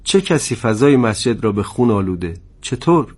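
Man, storyteller, dramatic narration, measured, tense, medium pitch. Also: lively intonation.

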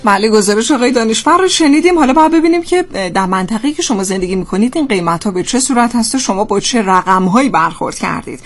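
A woman's voice: fairly high pitch, lively intonation, hardly any pauses, soft background music. A woman hosting a live radio magazine, speaking in a polite, formal way to guests and listeners. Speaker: radio host.

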